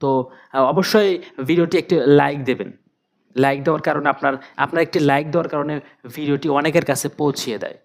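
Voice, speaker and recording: A man with a slightly high voice runs a Quran reading lesson. He spells out each Arabic syllable, then repeats it again and again in a steady drill. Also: fast talker, vocal fry. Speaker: Quran teacher.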